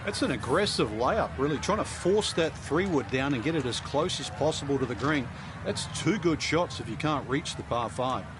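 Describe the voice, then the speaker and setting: A man's voice: medium pitch, expressive, moderate pace. A man giving unscripted, explanatory golf commentary as an analyst during live coverage. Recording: clear outdoor background noise.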